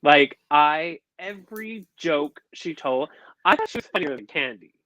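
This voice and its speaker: A man co-hosting a casual review chat, effusive and animated, on a video call mic. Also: fairly high pitch, unhurried, no room sound. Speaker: co-host. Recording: dull lo-fi dry sound.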